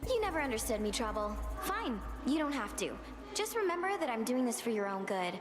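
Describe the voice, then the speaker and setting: A woman's voice: on the high side, very animated, fairly quick. An actress playing a mocking, self-serving female rival in a video game, with a taunting sing-song delivery. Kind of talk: video game character acting.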